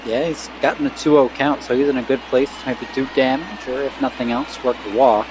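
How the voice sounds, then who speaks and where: A man giving relaxed, chatty play-by-play of a baseball game, in a casual and self-deprecating way. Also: medium pitch, a little fast, background noise. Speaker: play-by-play commentator.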